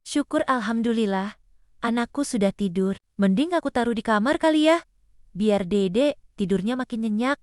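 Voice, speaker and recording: A tired young mother in an animated drama, voiced by a woman. Her voice sits fairly high and sounds weary and pleading, worn down by pain and hunger. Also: normal speed, no echo, close to an everyday voice. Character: exhausted young mother after a caesarean. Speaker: new mother.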